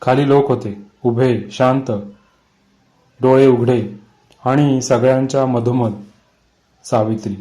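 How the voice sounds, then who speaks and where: A man narrating a scripted horror story in a measured, suspenseful way. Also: mid-range voice, steady tone, warm tone, poor audio.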